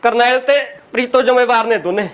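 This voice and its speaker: A man playing an aggrieved, tipsy, henpecked village man who complains without pause. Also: very high-pitched, fairly bright tone, clean tone. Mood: whining. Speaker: comic village character. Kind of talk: rural comedy sketch.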